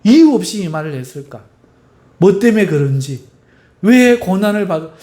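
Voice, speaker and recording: A male pastor preaching a sermon, emphatic, swinging in pitch and loudness, and putting rhetorical questions to the congregation.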